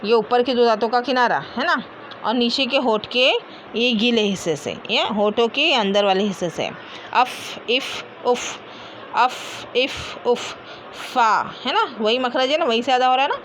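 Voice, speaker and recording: A woman teacher, slowly drilling letter sounds and repeating each one aloud, often checking with "है ना?". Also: a little high, fairly bright tone, slight background noise. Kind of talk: Quran letter pronunciation lesson.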